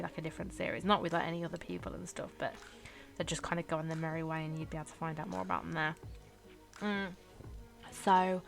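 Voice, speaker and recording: A young woman chats casually in a fairly low voice, rambling with fillers and little giggles. Faint music plays softly behind her. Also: gravelly. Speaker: YouTuber ranking characters. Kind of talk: casual chat over gameplay.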